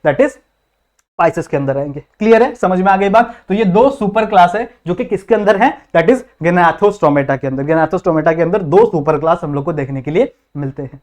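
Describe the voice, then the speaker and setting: A young Indian man teaches a biology class in a mix of Hindi and English, his voice high and a little mellow. He repeats himself, poses rhetorical questions, and keeps quizzing students with constant check-ins.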